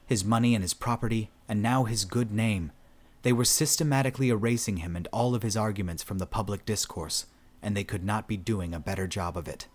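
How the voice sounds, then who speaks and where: A man reading an audiobook in steady scripted narration. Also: fairly low pitch.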